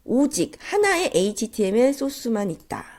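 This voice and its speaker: A woman's voice: fairly high pitch, big pitch swings, moderate pace, darkish tone. A woman lecturer with a nasal, stuffed-up cold voice, giving a polite, explanatory lesson. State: congested with a cold. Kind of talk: instructional slide lecture.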